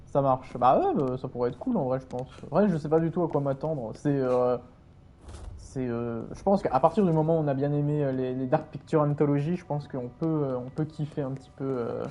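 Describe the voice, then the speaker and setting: A man's voice: mid-range voice, brisk, mellow. A man casually commenting on a game he is playing, rambling with many fillers and chatting to his viewers. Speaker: streamer.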